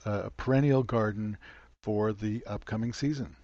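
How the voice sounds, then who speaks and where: A man hosting a radio show, asking a gardening guest questions in a relaxed way. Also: lowish voice, normal speed, dry recording. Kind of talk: radio interview. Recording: dry, slightly dull studio sound.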